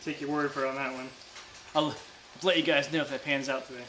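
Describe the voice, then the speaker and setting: On his cooking livestream, this man speaks fast in a mid-range voice that is level, bright and forceful. He keeps things casual and teasing, with bursts of silly sing-song, while the echoey kitchen fills with the background noise of cooking.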